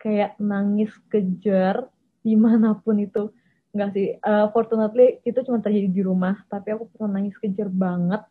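A woman's voice: medium pitch, fairly even intonation, normal speed, breathy edge. A young woman candidly telling her personal story in a casual way, often mixing English phrases into her talk. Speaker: vlogger. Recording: tinny phone-like audio.

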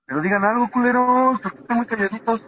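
A man's voice: very high voice, quick pace, slightly rough, phone-quality sound. A man with a Mexican accent, bantering with friends while gaming and giving mock-solemn speeches. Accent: Mexican Spanish. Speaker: gamer with friends.

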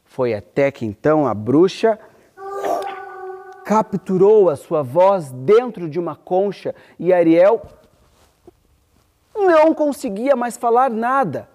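A woman reading a fairy tale aloud for children, expressive and fond of repeating phrases for effect. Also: lowish voice. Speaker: children's storyteller. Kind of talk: storytelling for children.

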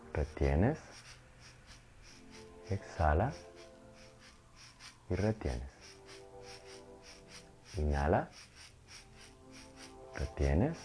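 A man leading a guided breathing meditation, slowly counting breaths and giving short, spaced cues. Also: sits low, dark tone. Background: music.

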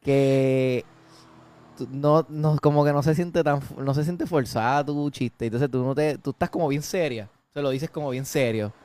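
Man co-host, playful and teasing, clear voice on a close mic. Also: medium pitch, normal speed, darkish tone. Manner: playful, teasing, mixes English words. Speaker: podcast co-host. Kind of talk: casual film chat, reading out viewer comments.

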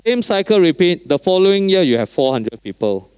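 A man with a somewhat high-set voice preaches in colloquial Singlish with a Singaporean or Malaysian accent. He talks like a pastor telling everyday stories, animated and informal, dropping particles at the ends of short phrases. The sound is very dry, without room echo. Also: a little fast, clean tone. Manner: animated storyteller, acting out dialogue. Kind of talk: informal sermon with anecdotes.

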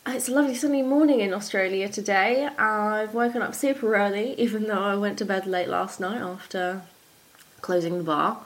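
A woman's voice: medium pitch, normal speed. A young woman presenting a podcast like an upbeat morning show host, chatty and informal as she explains things. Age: young adult.

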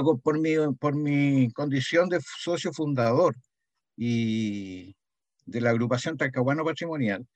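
An older man with a Chilean accent and a mid-range voice, a founding member of a heritage association, reminisces in a conversational interview. The recording is dry, and he speaks hesitantly, pausing, repeating words, and often tagging on a short questioning "¿m?".

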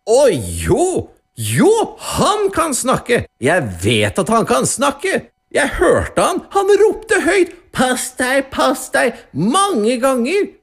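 A man voicing a vain, pompous rich man in a storybook radio play, shouting his protests in a strained voice. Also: medium pitch, big pitch swings, hardly any pauses, voice pushed up. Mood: frantic.

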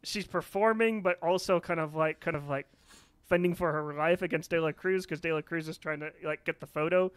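A man co-hosting a casual film podcast who rambles excitedly and leans heavily on the filler "like". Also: on the high side, fairly quick, smooth, no room sound. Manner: rambling, heavy use of filler "like"; excitable, emotional about films. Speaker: podcast co-host.

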